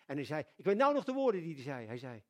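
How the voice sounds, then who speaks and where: Preacher, male, slightly high voice, animated storyteller who repeats words for emphasis. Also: quick pace. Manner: storytelling, with big swings in loudness and frequent repetitions. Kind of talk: sermon.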